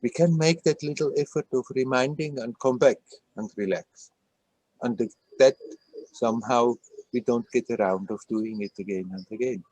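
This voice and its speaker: Man, spiritual teacher, video call, gentle and laughing, dry sound. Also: medium pitch, moderate pace, dry recording, low-quality recording. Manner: gentle, laughs often, repeats words playfully. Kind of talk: satsang talk on a video call.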